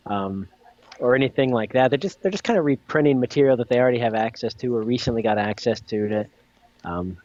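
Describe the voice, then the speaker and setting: A man's voice: mid-range voice, expressive, a little fast, a little mellow, highs cut off. A man co-hosting a casual podcast, opinionated and loose with fillers. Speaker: podcast co-host.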